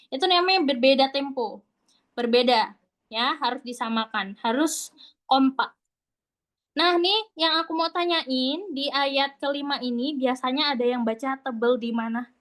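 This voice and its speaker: Woman recitation teacher, high voice, chatty and patient, demonstrates sounds. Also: a bit bright. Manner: casual, chatty explaining. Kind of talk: online recitation class.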